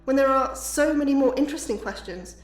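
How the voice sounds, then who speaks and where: With a high-sitting voice, lively intonation, and a slightly fast pace, a woman portrays an anxious but enthusiastic astrobiologist lecturing academically in an audio drama. She comes across earnest and a bit awkward, and the audio is echoey and distant, like a hall, with music playing.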